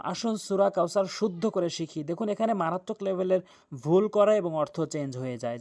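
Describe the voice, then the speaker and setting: A man's voice: high-pitched, darkish tone. A young man teaching Quran recitation in a tajweed lesson, earnest and insistent, spelling out letters syllable by syllable.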